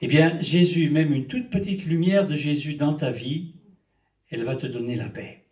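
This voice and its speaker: A man's voice: fairly high pitch, moderate pace, darkish tone. Older male pastor preaching in an echoey church. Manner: emphatic preaching, with repeated amens and hallelujahs. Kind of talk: sermon. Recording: echoey church hall, mic at a distance.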